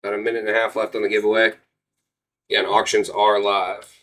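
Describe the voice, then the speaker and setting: Guy hosting a card break stream, casual sales patter, flat delivery, kinda sharp bright voice. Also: on the low side, fast talker.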